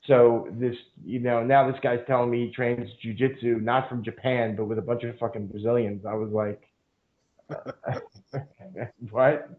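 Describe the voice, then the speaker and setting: A jiu-jitsu instructor guesting on a podcast tells long, rambling stories in a casual storytelling interview, packing his speech with fillers and profanity. His medium-pitched voice has little pitch movement and runs a little slow, and the recording sounds narrow-band, like a phone.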